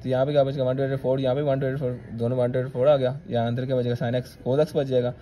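Fast-talking, dark-voiced male maths teacher. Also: mid-range voice, little pitch movement, a little hiss or hum. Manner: talks students through each step, checking with "theek hai". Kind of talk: step-by-step maths lesson.

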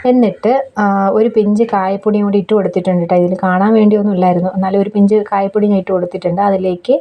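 Her pitch sits in the middle and her tone stays steady as this young woman, a cooking vlogger, quickly narrates making food at home. She chats through every step, tossing tag questions to her audience, in a dull, lo-fi recording made outside.

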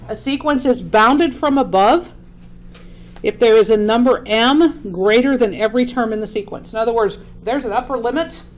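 A woman math teacher giving a classroom lecture, explaining step by step and often checking in with the class. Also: on the high side.

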